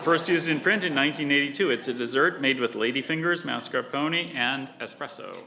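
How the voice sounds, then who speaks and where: A man acting as spelling bee pronouncer, reading out words, definitions and example sentences in a measured, formal way. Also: on the high side, gravelly, sharp tone, reverberant. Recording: live stage with background noise.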